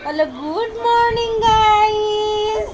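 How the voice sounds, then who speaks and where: Playful high-voiced mom vlogger. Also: female voice, very slow, muffled recording, noisy background. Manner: playful sing-song talk to her baby. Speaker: mother vlogger. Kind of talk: casual family vlog.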